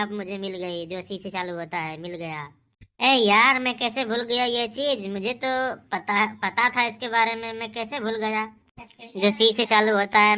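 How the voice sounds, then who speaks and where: A woman's voice: mid-range voice, sharp tone. A woman voicing cheeky, bickering village boys in a comic cartoon.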